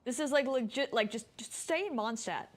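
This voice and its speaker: A woman streamer plays a video game and gives informal, rambling live commentary. Her voice is on the high side, and she talks at a normal speed.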